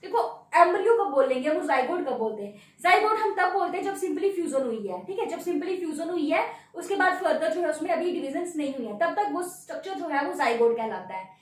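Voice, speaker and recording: A woman biology teacher with a very high voice, lecturing and checking in with her students again and again. She is heard from a distance, in a strongly echoing room. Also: sing-song, fairly quick, hardly any pauses. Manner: repeats key terms as questions and answers them; checks in often with tag words. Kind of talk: classroom lecture at a board. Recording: very echoey room, voice off-mic.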